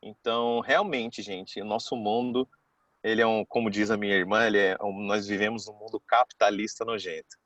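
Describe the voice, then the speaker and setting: A man's voice: lowish voice, steady tone, moderate pace, a bit bright, dry recording, lo-fi sound. A man, telling a personal story to a class in a casual, chatty way and acting out the people he quotes. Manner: chatty, keeps saying "cara".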